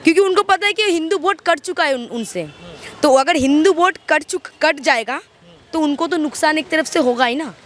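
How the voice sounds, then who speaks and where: High-voiced emphatic woman, street interview. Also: normal speed, fairly bright tone. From West Bengal. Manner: emphatic, repeats and restarts words. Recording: faint traffic noise outdoors.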